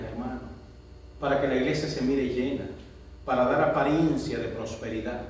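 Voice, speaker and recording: A man preaching a sermon, swinging between loud drawn-out proclamation and low quick asides. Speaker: pastor. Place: church. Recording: echoey church hall, mic at a distance.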